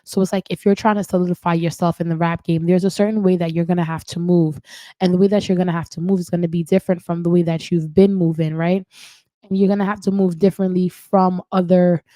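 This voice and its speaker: A woman hosts a celebrity gossip commentary, talking casually and repeating herself for emphasis. Her voice sits low and mellow. The sound is close and dry. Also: flat delivery, quick pace, no room sound. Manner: chatty, repeats words, frequent "right?" tags. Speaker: host.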